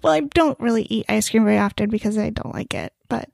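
A woman co-hosting a casual podcast, an animated, teasing storyteller who laughs easily. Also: a little high, quick pace, vocal fry, no room sound. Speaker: podcast co-host. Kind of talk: casual chat.

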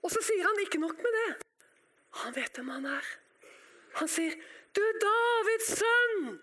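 A woman preaching with fervour, her voice sitting very high. She moves between ringing cries and near-whispers as she addresses her congregation. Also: animated. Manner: impassioned, dramatic, shifts between loud cries and hushed whispers. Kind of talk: sermon.

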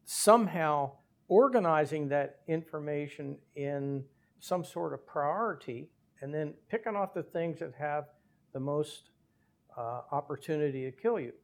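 Gravelly older man recounting a story. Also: fairly high pitch. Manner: measured, detailed recounting with small hesitations. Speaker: airline captain, interview guest. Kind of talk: conversational storytelling.

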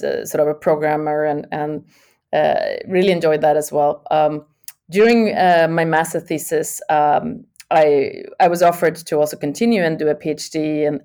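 On a podcast, this middle-aged guest from Sweden talks in a considered way, often restarting and using lots of fillers. She has a low-pitched, warm voice.

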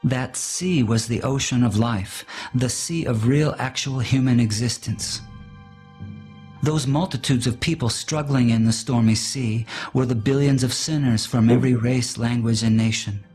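A man preaching in a solemn, measured way, recounting a vision as a sermon over music. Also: mid-range voice, a little mellow. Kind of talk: sermon reading of a vision story.

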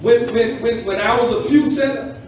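A man's voice: very high voice, moderate pace, muffled recording, music in the background. A man preaching a sermon as a pastor, impassioned and emphatic, in colloquial, folksy language with repeated call-and-response phrases. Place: large echoey room with congregation. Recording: echoey hall, distant mic, congregation behind.

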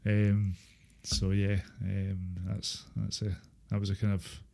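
Low, even-toned Scottish man, halting delivery. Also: creaky. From Inverness, Scotland. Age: 30s. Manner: halting, repetitive, hedging with filler phrases. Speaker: interview guest, former supported-housing tenant. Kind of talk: casual interview, personal recollection.

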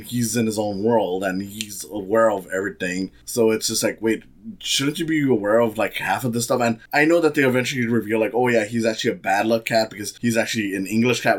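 Low-voiced man ranting about a movie. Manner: rambling, sarcastic, frequent fillers. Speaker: film reviewer. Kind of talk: casual spoken movie review.

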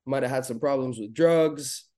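A man from Lebanon talking as a podcast guest in a relaxed, rambling way with lots of fillers. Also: mid-range voice, normal speed. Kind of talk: casual interview chat.

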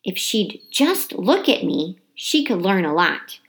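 A woman reading a children's chapter book aloud as expressive storybook narration, with dramatic emphasis on key words. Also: lowish voice, slow, gravelly, low-quality recording.

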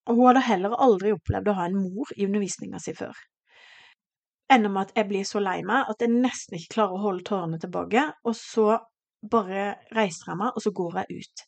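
Middle-aged woman, podcast host, personal storytelling, emotional, animated, acts out dialogue. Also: mid-range voice, vocal fry.

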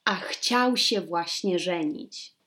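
A woman reading a fairy tale aloud in a slow, expressive storybook manner. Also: on the low side.

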